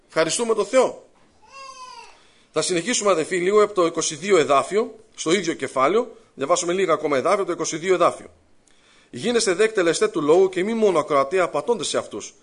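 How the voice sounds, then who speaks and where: A high-pitched man delivering a sermon. He moves between quiet storytelling and fervent, rising prayer. He addresses his listeners directly as he preaches. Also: expressive. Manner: storytelling, acting out his own inner voice.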